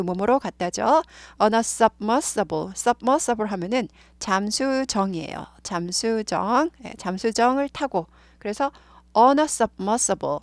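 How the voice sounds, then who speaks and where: A woman's voice: mid-range voice, dry recording. A woman with a Korean accent teaching English words and pronunciation, repeating each word over and over for learners to follow. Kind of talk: explaining English vocabulary and pronunciation.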